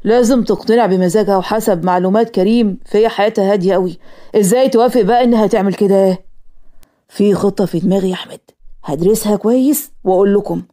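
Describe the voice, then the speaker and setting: A woman with an Egyptian accent voicing cartoon dialogue in a brisk, matter-of-fact way. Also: mid-range voice, mellow. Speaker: voice actor.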